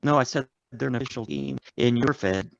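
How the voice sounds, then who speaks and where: A man's voice: medium pitch, sing-song, fairly quick, dry recording. A man chatting on a podcast panel over a choppy call connection that keeps cutting out, making brief matter-of-fact remarks. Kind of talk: casual chat. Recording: dull lo-fi remote call audio.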